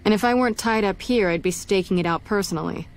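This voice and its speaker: A female military police officer voiced by an actress speaks in dry game dialogue at a medium pitch. She is no-nonsense, wry and matter-of-fact. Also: fast, close to an everyday voice.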